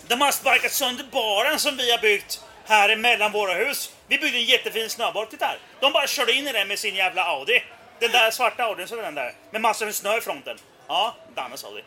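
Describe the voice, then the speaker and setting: A man's voice: high-pitched, pushed and bright, slight background noise. A man in his thirties telling a rambling, profane, self-mocking anecdote in casual chat. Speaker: podcast storyteller.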